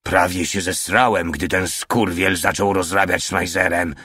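A man's voice: low-pitched, steady tone, a little slow, pushed and bright, husky, no echo, studio quality, full character voice. A man voicing a pale, shaken corporal who rambles crudely in a war audiobook.

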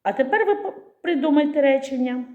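A woman teacher with a Ukrainian accent giving a preschool literacy lesson in a slow, clear, sing-song voice to small children. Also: sits high, lively intonation, narrow, tinny audio.

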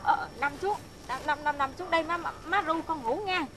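A woman playing a frail, confused old grandmother in a comedy sketch, speaking softly and tenderly in a trembling, sing-song way. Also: extremely high pitch, normal speed. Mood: soothing. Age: older. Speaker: grandmother character. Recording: loud background noise, distant voice.

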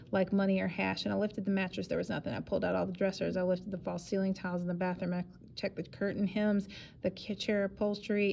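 A woman's voice: mid-range voice, vocal fry, warm tone, a little hiss or hum. A woman reading a first-person memoir aloud in a plain, matter-of-fact way. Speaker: audiobook reader.

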